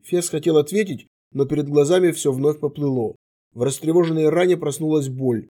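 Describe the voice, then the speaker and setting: A man narrating a fantasy audiobook in a steady, measured way. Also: on the high side.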